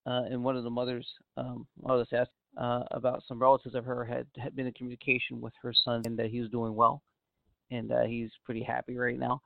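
A man's voice: mid-range voice, monotone, a little fast, gravelly, no echo. A man hosting a podcast, talking in a casual, rambling way. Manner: rambling, full of uh fillers and restarts. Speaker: podcast host. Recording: narrow phone-like sound, dry.

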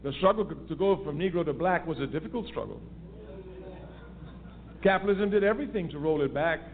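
A man with a voice a little on the high side talks fairly quickly and with animation, making a fervent political case on a call-in radio program. Emphatic, he keeps repeating his key phrases for force, heard over a tinny, faintly hissing phone line.

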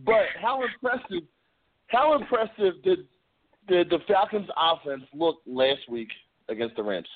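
A man's voice: high-pitched, animated, a little slow, dry recording. A male caller talking over the phone, arguing sports in a laid-back, casual way. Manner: laid-back, argumentative, says "man" a lot. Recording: tinny dry phone line.

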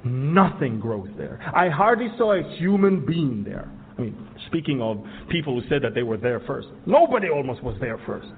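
A man from Israel preaching a sermon on Bible prophecy, building from quiet explanation to loud, emphatic declarations. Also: mid-range voice, very animated, moderate pace, hardly any pauses, slight background noise. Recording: tinny phone-like sound with long hall reverb.

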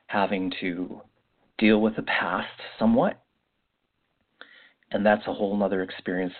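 An echoey, thin phone-like recording carries the deep voice of a man. He speaks as a spiritual podcast host, unscripted and reflective. His phrases wander and often repeat as he offers guidance. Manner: meandering, reflective phrasing with repetitions. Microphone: makeshift mic, not the usual podcast one. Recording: echoey, muffled phone-like sound without usual microphone.

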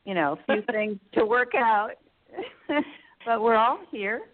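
A woman hosting a call-in show on speakerphone, her voice a little muffled, greeting listeners with relaxed, slow talk and soft laughs. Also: a little high. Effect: on speakerphone, talking into a phone. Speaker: show host. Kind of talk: casual opening of a call-in radio show. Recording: tinny phone line on speaker.

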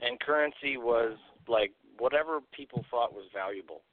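A man's voice: mid-range voice, moderate pace, slight background noise. A man co-hosting a podcast, ranting bluntly and swearing a lot in casual chat. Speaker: podcast co-host. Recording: tinny phone-like line, dry.

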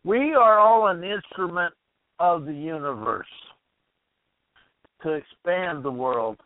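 A man hosts a motivational call-in radio show, rambling and questioning the listener as his voice gives out. He speaks slowly in a slightly high voice with no echo. The line sounds tinny, like a phone.

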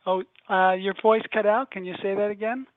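A man calling in as a guest author, talking casually with many "uh" pauses over a phone line with a bad connection. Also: sits high, steady tone, dry recording. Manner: chatty, with frequent "uh" pauses. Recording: tinny, dry phone line.

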